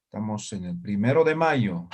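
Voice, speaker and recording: A man's voice: fairly low pitch, expressive, moderate pace, darkish tone. A man from Bolivia, teaching a live online language class over a video call and patiently checking in after nearly every phrase. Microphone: computer mic on a video call.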